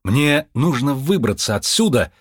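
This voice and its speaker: A man's voice: mid-range voice, sing-song, unhurried, husky, no room sound, studio quality, voice pushed up. A man voicing an impatient, anxious male pianist in an audiobook, urgent and bossy. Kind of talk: audiobook character voice.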